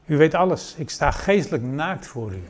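A man preaching a sermon, retelling a scripture story and acting out the dialogue with lively emphasis. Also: a little high, normal speed.

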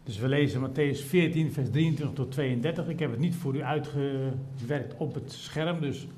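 A middle-aged man from the preaching a sermon in church and reading from the Bible. He goes from soft, measured talk to loud, emphatic preaching and repeats phrases for emphasis. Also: mid-range voice. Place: church service, also streamed to people at home.

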